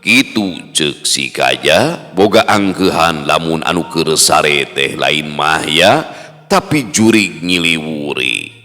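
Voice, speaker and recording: A man narrating a folk tale in a slow, rhythmic storytelling manner. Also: rumbling low, expressive, bright, forceful tone. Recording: long reverb with faint music.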